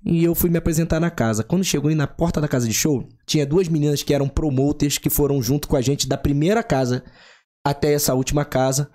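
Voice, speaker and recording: Lively young man. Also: on the high side, fast talker. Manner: animated storyteller, acts out quoted voices. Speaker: podcast guest, sertanejo singer. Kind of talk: casual storytelling.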